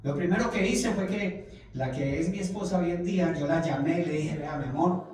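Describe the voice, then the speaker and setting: A man preaches in a Bible study, his slightly high voice carrying across a very echoey church hall. He stands well back from the microphone. He speaks with emotion and repeats his phrases for emphasis. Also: normal speed, darkish tone, a little hiss or hum. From Colombia. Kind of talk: Bible study testimony sermon. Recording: very echoey room, mic far off.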